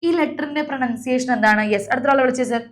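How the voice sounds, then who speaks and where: A woman's voice: sits high, fast talker. A young woman teacher leading an online class, calling on students by name and drilling letter sounds over a video call.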